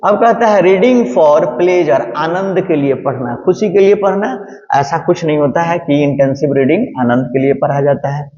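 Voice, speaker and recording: A man's voice: a little high, darkish tone. Man teaching in an echoey classroom. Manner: explains step by step in Hindi, reads English options slowly. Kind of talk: exam-prep lecture. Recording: echoey room, dull lo-fi sound.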